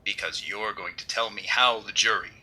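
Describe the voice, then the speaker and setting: An actor playing an unseen, menacing, all-knowing vigilante with theatrical, ominous diction, in 1930s radio mystery style. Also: male voice, on the low side, fairly even intonation, moderate pace, pushed and bright. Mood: ominous, commanding.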